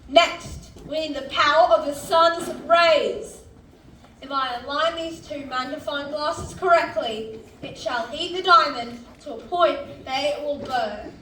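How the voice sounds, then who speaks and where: A woman's voice: sits high, measured pace, sharp tone, a little hiss or hum. A woman playing a showy French male scientist in a stage musical, speaking in a grand, formal, declamatory way. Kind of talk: stage musical acting, theatrical presentation. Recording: distant, echoey stage recording with music.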